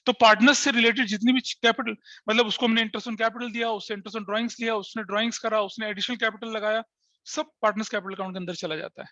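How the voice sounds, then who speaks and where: Bright-voiced male teacher, dry lo-fi. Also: high voice, fairly even intonation, fast talker, no room sound. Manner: explains step by step with frequent checking questions to students; mixes Hindi with English terms. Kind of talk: classroom lecture. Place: classroom with online students.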